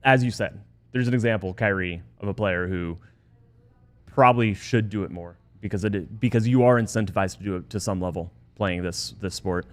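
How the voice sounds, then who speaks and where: Man, very low voice, smooth and resonant, sports podcast co-host, thoughtful, stammers. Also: normal speed. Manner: thoughtful, stammers and restarts words. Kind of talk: casual sports analysis.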